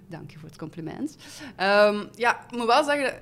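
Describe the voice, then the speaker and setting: A young woman with a Flemish accent talks casually as a podcast guest. She chats easily, laughs often and fills her pauses with many "ehm"s. Her voice sits at a middle pitch. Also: lively intonation, fairly bright tone. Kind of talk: casual chat.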